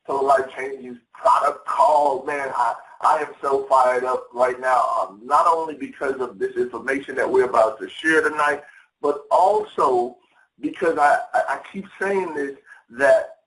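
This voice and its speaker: A man giving an excited motivational talk on a phone call from his home office, repeating words as he goes. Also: mid-range voice, a little slow. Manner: excited, repeats words often, says "y'all". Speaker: guest speaker on a sales call. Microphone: phone or conference line. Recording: echoey, far from the mic.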